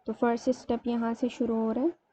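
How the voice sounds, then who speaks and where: Brief: woman teacher, patient step-by-step explainer, higher voice, narrow flat intonation, dull lo-fi recording. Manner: explains step by step, slows to spell out words. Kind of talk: grammar lesson. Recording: dull lo-fi sound, faint room noise.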